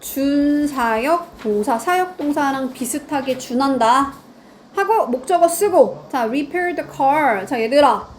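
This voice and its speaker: A woman's voice: sits high, expressive, slow, slight background noise. A woman teaching grammar in a lecture, quizzing her students and answering her own questions.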